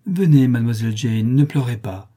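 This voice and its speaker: A man's voice: mid-range voice, fairly quick, dark tone, breathy edge, lightly acted. A man doing a scolding nursemaid. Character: fussy scolding female nursemaid.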